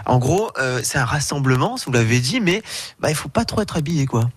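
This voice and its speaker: Husky-voiced chatty male radio reporter. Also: medium pitch, very animated, a little fast. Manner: chatty, with many fillers. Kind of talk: casual radio interview.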